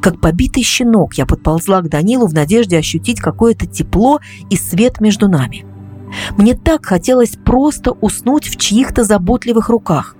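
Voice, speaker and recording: A woman reading a first-person story aloud as an audiobook in a confessional, calmly explaining way. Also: medium pitch, moderate pace, soft background music. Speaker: audiobook narrator.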